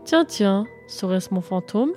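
A woman voicing a sly young man quietly mocking the pranksters in a read-aloud story. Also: mid-range voice, lively intonation, a little slow, faint music behind, natural voice. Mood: wry.

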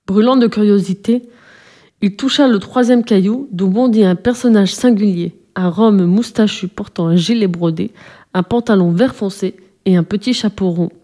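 Mellow-voiced woman reading a story. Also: mid-range voice, moderate pace. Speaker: narrator. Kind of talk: scripted storybook narration.

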